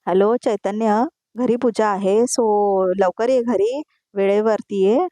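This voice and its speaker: A woman's voice: medium pitch, steady tone, slow, mellow, dry recording, close to an everyday voice. A woman reading the lines of a sheepish, evasive young husband who is a lawyer. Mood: flustered.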